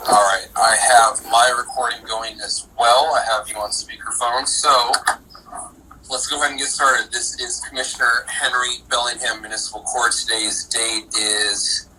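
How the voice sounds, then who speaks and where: Bright, distant man on a speakerphone. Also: mid-range voice, flat delivery. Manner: measured, procedural, polite. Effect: heard over a phone speaker. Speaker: court commissioner. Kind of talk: formal court questioning. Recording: phone speaker heard from a distance, faint noise.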